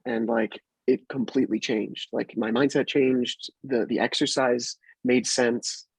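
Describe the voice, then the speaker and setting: Male guest, husky, animated storyteller; dry close recording. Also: medium pitch, a little slow, no room sound. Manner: animated retelling, acts out quotes. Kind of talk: casual storytelling.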